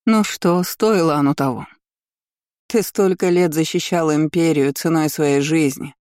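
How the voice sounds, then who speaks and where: A male narrator raising his voice into a cruel empress who taunts and gloats over her captive, lilting and sing-song, pitched well above his usual tone. The sound is dark and mellow, recorded close and dry, like a storybook villain savoring every word. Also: unhurried, dry recording, close to an everyday voice. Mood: mocking. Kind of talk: audiobook character voice.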